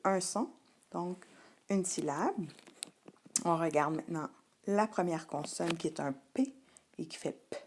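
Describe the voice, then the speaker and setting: A woman's voice: fairly low pitch, dark tone, a little hiss or hum. A woman teacher giving a patient reading lesson to young children, sounding out letters and syllables one by one. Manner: spells out sounds and syllables carefully, addressing the child directly.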